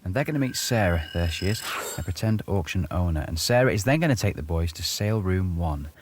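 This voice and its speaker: A man narrating a TV prank show in a playful, excitable scripted voice-over. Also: low voice, brisk, background noise.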